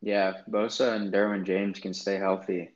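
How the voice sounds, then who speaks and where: Low-voiced easygoing man. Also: flat delivery, moderate pace, lo-fi sound. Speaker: podcast co-host. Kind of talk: casual sports chat.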